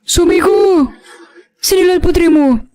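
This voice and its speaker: A woman's voice: sits high, quick pace, darkish tone, lightly acted. A woman playing a whining, scheming stepmother. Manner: whining, feigned tearful. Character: scheming stepmother feigning hurt to her husband.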